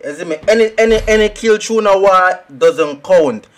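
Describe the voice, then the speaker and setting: A young Jamaican man streaming a shooter game, talking through it in excitable, rambling trash talk. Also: high-pitched, normal speed. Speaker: gaming streamer. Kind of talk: live gameplay commentary.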